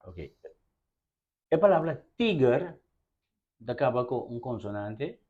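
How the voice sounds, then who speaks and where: A man with a Curaçaoan accent interviewing, halting and thinking aloud as he asks questions. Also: mid-range voice, sing-song, a little mellow. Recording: slightly dull lo-fi sound.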